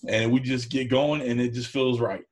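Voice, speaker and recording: A man at a moderate pace, with a mid-range voice and a steady tone, talks like a show host in a relaxed conversation, rambling and folksy and plain. He's the co-host of an online cooking show, appearing as an interview guest.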